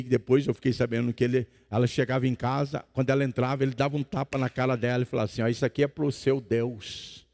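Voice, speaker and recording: A male pastor preaching a sermon, telling a story in a lively way that rises to impassioned shouts. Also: medium pitch. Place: church. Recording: long church hall reverb.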